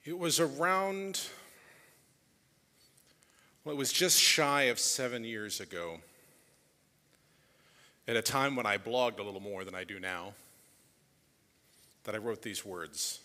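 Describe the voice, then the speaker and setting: A man's voice: mid-range voice, lively intonation, slow pace, pauses often, bright, forceful tone. A man in his thirties giving a sermon in a reflective, conversational way. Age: 30s. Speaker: preacher. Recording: long reverb of a church hall.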